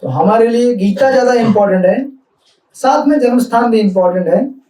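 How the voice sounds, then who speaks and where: A man's voice: very high-pitched, a little fast, warm tone. A man giving a conversational devotional talk in Hindi-mixed speech, asking the audience questions as he goes. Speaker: spiritual speaker. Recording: echoey hall, mic from a distance.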